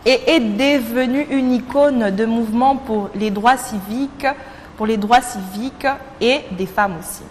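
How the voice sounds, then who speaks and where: A young woman from Congo hosts a casual TV chat show in a slightly high voice. She talks in a playful, chatty way and laughs at herself. The studio sound has a long reverb with faint ambience behind her. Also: measured pace, slight background noise. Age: young adult. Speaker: TV show host.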